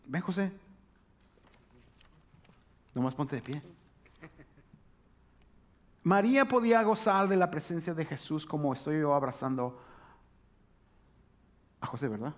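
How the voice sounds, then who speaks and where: A man's voice: a little high, expressive, a little slow, pauses often. A man preaching a sermon in church, often checking in with "¿verdad?". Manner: conversational preaching, frequent "¿verdad?" tags. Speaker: pastor.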